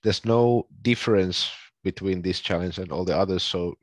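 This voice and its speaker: Low husky man presenting on a call. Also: dry recording. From Finland. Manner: explains plainly with frequent ums and pauses. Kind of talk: casual online presentation. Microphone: video call.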